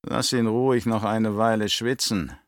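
A man's voice: lowish voice, steady tone, a little slow, no room sound, lightly acted. Man doing a tyrant baron, cruel, scheming, barking questions, sneering, dry audiobook sound. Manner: barks angry questions, sneers in thought. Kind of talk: audiobook reading.

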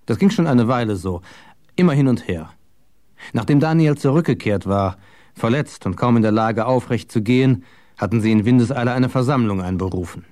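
A man narrating a novel in a steady, measured reading. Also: medium pitch, no room sound, clean studio sound. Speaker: audiobook narrator. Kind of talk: scripted narration.

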